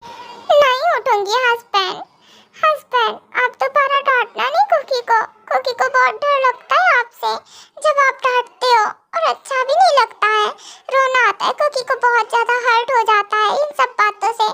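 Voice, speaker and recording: A woman's voice: very high voice, very animated, normal speed, bright, forceful tone, full character voice. A woman voicing a clingy, tearful young wife who pouts and speaks of herself in the third person, in a fan audio drama.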